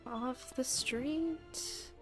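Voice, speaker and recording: A woman's voice: sits high, drawn-out words. A woman giving casual commentary as she streams a video game. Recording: game music behind the voice.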